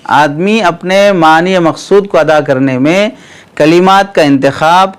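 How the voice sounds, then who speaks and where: A man teaching Arabic grammar, explaining step by step, asking students questions and often clearing his throat. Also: fairly high pitch. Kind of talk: classroom lecture.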